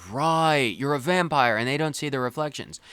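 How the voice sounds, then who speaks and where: Casting: male let's play host, medium pitch, casual and rambling, joking back at game characters. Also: moderate pace, fairly bright tone, smooth, dry recording. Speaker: gaming video host.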